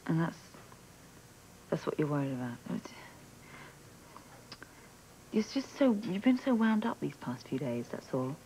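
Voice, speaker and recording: A woman's voice: sits low, very animated, unhurried, long pauses, dark tone, a little hiss or hum, poor audio. A woman acting in a daytime soap opera as a detective and wife who keeps asking probing, insistent questions.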